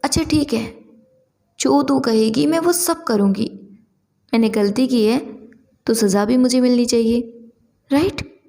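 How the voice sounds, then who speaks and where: A woman's voice: a little high, a little slow, vocal fry, pauses often, dark tone, voice pushed up. A woman voicing a pleading, easily flustered young woman in a story. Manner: pleading, exasperated.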